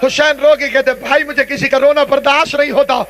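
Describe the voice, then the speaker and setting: A man's voice: very high-pitched, level tone, a bit bright, slight background noise. A man preaching a mourning sermon at a religious gathering, in impassioned, lamenting oratory that breaks into sung verses.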